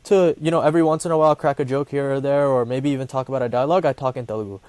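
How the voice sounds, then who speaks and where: A man's voice: medium pitch, steady tone, racing, darkish tone, no room sound. A man in his twenties from Ohio with an American accent, earnestly explaining things in a casual chat and often restarting his sentences. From Columbus, Ohio, USA. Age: 20s. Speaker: co-host.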